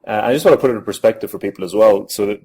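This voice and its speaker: A man's voice: fairly low pitch, rapid-fire, dark tone, breathy edge. A man hosting an interview, adding his own points and encouraging the guest. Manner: affirming, frequent back-channel encouragement. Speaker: interview host. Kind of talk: casual interview.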